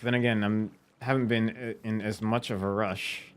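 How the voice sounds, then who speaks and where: A man's voice: lowish voice, level tone, moderate pace. A man giving casual let's-play commentary, chatty and talking to himself as he plays. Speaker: gaming video creator.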